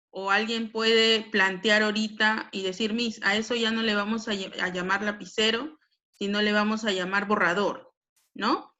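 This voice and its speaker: Bright-voiced Peruvian woman teaching. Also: mid-range voice. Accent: Peruvian Spanish. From Peru. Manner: explanatory, frequent tag questions. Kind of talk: classroom lesson on language.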